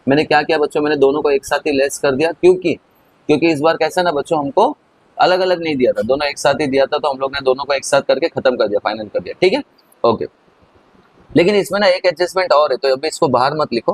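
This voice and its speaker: A man gives an accounting lesson at a rapid clip, his voice sitting a little high for a man. He chats straight to his students and calls them kids as he works through each step. He keeps the talk easy and familiar. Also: low-quality recording. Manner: chatty, addresses students as kids. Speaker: teacher. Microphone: recorded over on-screen writing.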